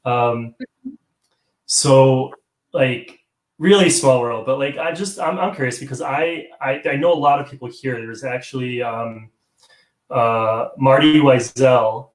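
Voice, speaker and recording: A man speaking a little slowly in a medium-pitched voice hosts a live online theater talk show on a video call. It's a relaxed, rambling chat with frequent restarts and chuckles, captured with a roomy echo.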